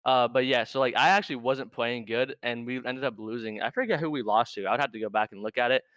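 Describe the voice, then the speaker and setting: A laid-back man telling a story as a podcast guest, leaning on "like" at every turn. His voice is smooth and clear, recorded close and dry with no room sound. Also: medium pitch, fairly even intonation, fast, a bit bright, dry recording. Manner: laid-back, says "like" constantly. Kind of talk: casual chat.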